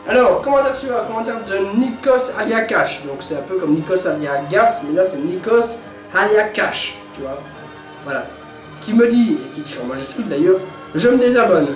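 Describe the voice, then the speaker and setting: Young male vlogger, high voice, joking chatter, roomy sound with faint music underneath. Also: normal speed. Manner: chatty, jokey, repeats words. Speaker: YouTuber reviewing his own videos. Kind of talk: casual vlog chat.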